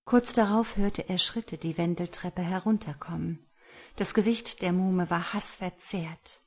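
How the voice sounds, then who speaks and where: A woman reads a dark fairy tale aloud in a measured, dramatic way. Her voice sits low and sounds somewhat husky and breathy. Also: steady tone. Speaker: narrator. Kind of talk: storytelling audiobook narration.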